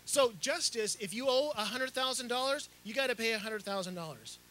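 Standing under a canopy outdoors, this middle-aged preacher raised in Chile delivers his sermon through a handheld mic. He speaks a little fast in a very high voice, animated, often repeating himself and starting over.

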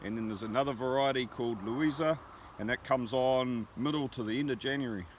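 A man talks in an easy, unhurried way, full of little fillers and restarts. He sounds average in pitch for a man. Steady outdoor and road noise sits clearly under his voice on a handheld camera. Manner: relaxed, unhurried storytelling with many fillers. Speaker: guest, fisherman and orchard grower. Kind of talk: casual chat. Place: outdoors in an orchard, then inside a moving van. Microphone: handheld camera held by the host. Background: outdoor ambience and road noise.

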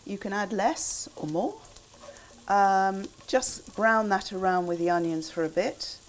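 An older woman with a relaxed, chatty manner, talking through a recipe in a small kitchen. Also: medium pitch, measured pace, a little hiss or hum. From England. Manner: chatty, relaxed asides with frequent ums. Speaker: cookbook author demonstrating a recipe. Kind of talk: casual cooking demonstration. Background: food sizzling in a pan.

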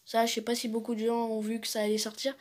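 A woman's voice: a little high, completely flat delivery, fast, a little mellow. A woman casually recapping upcoming films as a vlogger, hesitant and rambling with many fillers.

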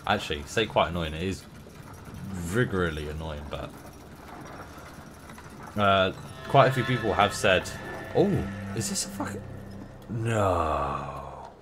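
This young man, a gameplay streamer with a runny nose, offers loose, playful commentary while he plays. His voice sits low and sing-song, moving at a measured pace with long pauses, over music. Game sound can be heard noisily behind his voice.

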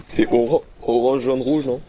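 A man's voice: mid-range voice, fairly even intonation, normal speed, dark tone, slight background noise, low-quality recording. A man chatting casually with friends during a game, informal and often asking questions. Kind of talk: casual gaming chat.

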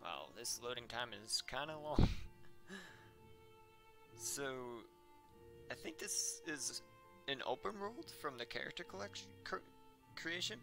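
A man hosting a casual let's-play gaming video, excitable and full of exclamations. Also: medium pitch, gravelly. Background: faint game music.

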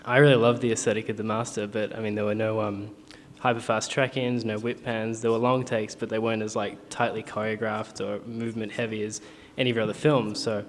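A man in a theater audience asking a long, deliberate question with some hesitations. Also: lowish voice, flat delivery. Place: large theater. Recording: long theater reverb, faint noise.

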